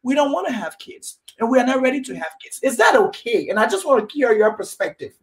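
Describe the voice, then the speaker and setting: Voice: mid-range voice, big pitch swings, fast. Casual podcast host; loose, searching questions. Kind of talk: casual interview chat.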